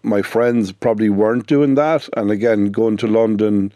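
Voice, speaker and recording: A man's voice: fairly low pitch, steady tone, moderate pace, warm tone, no room sound. A middle-aged man with a west of Ireland accent, telling his own story conversationally as a business owner in a radio interview. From Sligo, west of Ireland.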